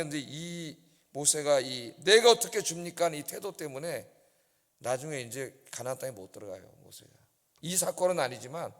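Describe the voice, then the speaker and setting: A male pastor preaching a dawn service sermon, animated and often putting rhetorical questions to the congregation. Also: medium pitch. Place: church sanctuary. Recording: church hall reverb.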